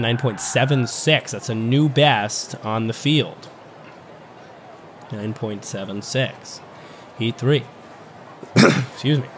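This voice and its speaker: Scratchy-voiced man calling toy car races. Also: mid-range voice. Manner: swings from calm explaining to excited shouting on crashes. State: scratchy voice from a recent illness. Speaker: race commentator. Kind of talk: diecast race commentary.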